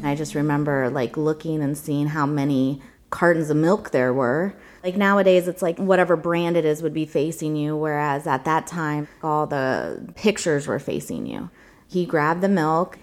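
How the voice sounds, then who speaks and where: A woman's voice: sits low, moderate pace. An American woman being interviewed, casually telling personal memories.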